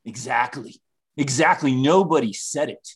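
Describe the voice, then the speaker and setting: A man playing a taunting, self-important high school bully in a comedy radio play, repeating himself with mocking theatrical relish. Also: husky, close to an everyday voice. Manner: mocking, drawn-out, theatrical repetition.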